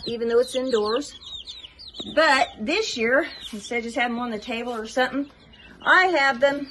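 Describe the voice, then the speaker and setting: A chatty, relaxed middle-aged woman showing her chicks indoors, in a casual vlog. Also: on the high side, slight background noise. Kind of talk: casual show-and-tell vlog. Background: chicks chirping.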